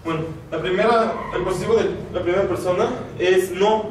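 A man's voice: high voice, fairly even intonation, a little fast, a little hiss or hum. Echoey far-off male teacher explaining grammar. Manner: patient, explains step by step. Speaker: Nahuatl teacher. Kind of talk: classroom explanation. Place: classroom.

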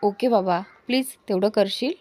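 A woman's voice: mid-range voice, moderate pace, darkish tone, lightly acted. A woman voicing a demanding young woman who speaks curtly in a spoken storybook.

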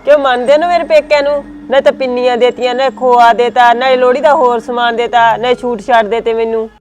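A woman's voice: on the high side, fairly even intonation, fairly quick, faint music behind, natural voice. A woman playing a sulky, demanding married daughter with an Indian Punjabi accent in a family drama. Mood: defensive. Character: petulant married daughter, young adult. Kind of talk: amateur village family drama.

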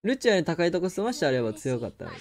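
A man with a Kansai accent giving excitable live commentary on his own game, exclaiming and laughing often. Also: on the high side, very fast, creaky. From Kansai, Japan. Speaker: game streamer.

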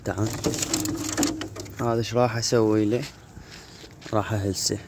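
Filming outdoors with the phone in his hand, this channel host and pigeon keeper chats casually on a rooftop yard surrounded by low brick walls. He has an Iraqi Arabic accent and a lowish voice, speaking flatly at a normal pace. The phone audio carries faint background noise.

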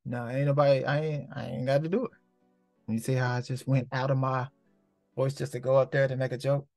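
Profane, gravelly spiritual podcast host. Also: male voice, mid-range voice, level tone, brisk, a little mellow, no room sound, soft background music. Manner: profane, street slang, rambling. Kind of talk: casual spiritual talk.

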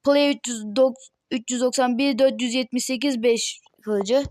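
A young woman from Turkey hosts a casual game mod walkthrough, rambling and filling gaps as she goes. Her voice sits fairly high. A faint hiss runs under the home recording. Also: fairly even intonation, a little slow. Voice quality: voice tone altered, may sound odd. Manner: rambling, says "arkadaşlar" constantly, many fillers. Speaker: gaming channel host. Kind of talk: casual mod showcase commentary.

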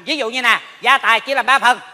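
A man's voice: extremely high pitch, quick pace, sharp tone, exaggerated voice. An actor playing a scheming male meddler who wants a share of the inheritance, in a live stage comedy. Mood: wheedling. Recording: stage hall with reverb.

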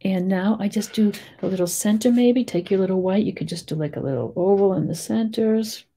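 A woman with a Boston accent giving a chatty, rambling step-by-step painting tutorial, full of gentle little asides. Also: mid-range voice, brisk. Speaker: painting teacher.

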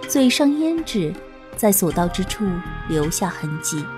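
An audiobook narrator, a woman, reads a scripted romance story slowly with a soft, lilting delivery. Her pitch rises and falls in a lively way, while faint music plays beneath her voice.

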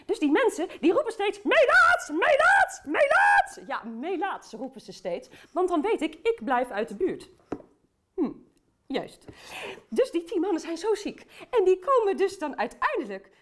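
A woman playing a cheerful, chatty aunt who tells a Bible story to children and talks to them directly. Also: very high voice.

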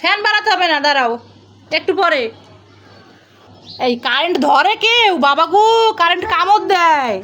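A woman's voice: very high voice, expressive, moderate pace, long pauses, sharp tone, a little hiss or hum. A woman, a mother and vlogger, coaxing and fussing over her toddler in a casual family home video.

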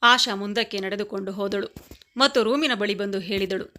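A woman reading a family story aloud as scripted narration, in a steady, even voice. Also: mid-range voice, normal speed.

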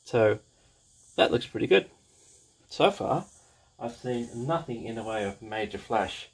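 A man talks slowly and unhurriedly through a scale model kit, speaking from behind an overhead camera at his hobby desk. He is casual and enthusiastic, often repeating his praise and pausing with small fillers. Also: medium pitch, animated, vocal fry, slightly rough, poor audio. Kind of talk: casual kit review, unscripted.

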